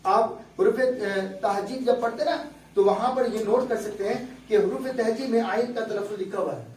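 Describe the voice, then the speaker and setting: High-pitched yet a little mellow, this man teaches recitation in a patient classroom lecture, moving step by step and often making sure his students keep up. The echoey room, far-off mic and faint background hum are audible.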